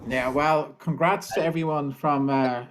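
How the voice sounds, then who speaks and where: A man's voice: a little high, fairly even intonation, unhurried, a little hiss or hum. A man moderating an online panel over a video call, friendly and informal, talking in a loose, rambling way. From Ireland.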